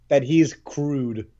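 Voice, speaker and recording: This podcast co-host rambles through a casual chat, full of fillers and restarts. His fairly high voice is mellow with vocal fry.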